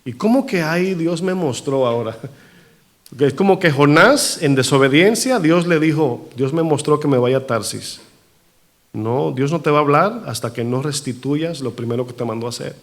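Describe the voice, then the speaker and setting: A man preaching a sermon in a church, animated, asking the congregation rhetorical questions. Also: a little high, normal speed. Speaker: pastor.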